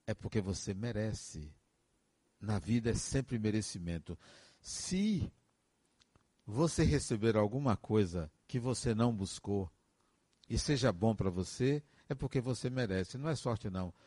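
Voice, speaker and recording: Male counselor, emphatic advice-giver, expressive pitch, dry recording. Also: unhurried, breathy edge, no echo. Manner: earnest, advice-giving, emphatic repetitions. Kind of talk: reflective motivational monologue.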